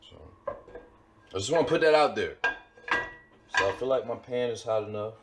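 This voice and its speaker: With a lowish, expressive voice at normal speed, a man demonstrates cooking a steak at home for his vlog. He stresses and repeats his points, while the background is noisy with a pan sizzling on the stove.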